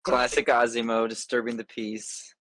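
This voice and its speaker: A man's voice: mid-range voice, completely flat delivery, moderate pace, fairly bright tone, dry recording. A man playing in a tabletop game, chatting casually and making dry jokes to the game master. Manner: joking, dry asides. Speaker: player.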